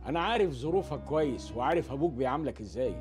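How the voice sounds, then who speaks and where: An actor playing a stern elder with an Egyptian accent, lecturing two young men in a measured and disappointed way in a film comedy scene. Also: male voice, medium pitch, animated, over music, close to an everyday voice. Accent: Egyptian Arabic.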